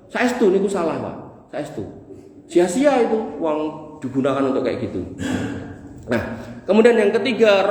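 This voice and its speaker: A man with a Javanese accent delivers a Ramadan sermon, his fairly high voice swinging between storytelling and recited Arabic. The mosque hall rings around him, every phrase trailing a long reverb. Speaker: preacher.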